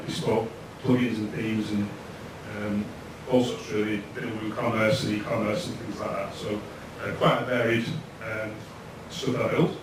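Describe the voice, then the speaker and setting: A conference speaker from Lancashire, England, in his thirties, gives a laid-back tech meetup talk to a listening audience. He has a mid-range voice and often hesitates with "um." It's a noisy recording from a distant mic in a room full of echo.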